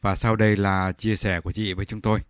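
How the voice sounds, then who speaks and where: A man's voice: fairly low pitch, flat delivery, quick pace, clear, resonant tone, no echo, clean studio sound. A man hosting a radio show, asking questions in a formal, polite way. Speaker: radio host. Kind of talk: radio phone interview.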